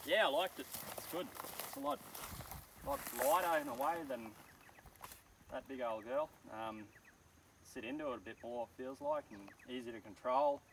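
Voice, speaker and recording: A man giving easygoing, halting answers in a casual outdoor interview. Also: on the high side, very animated, vocal fry, a bit bright. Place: outdoors in the countryside. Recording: distant mic with faint outdoor noise.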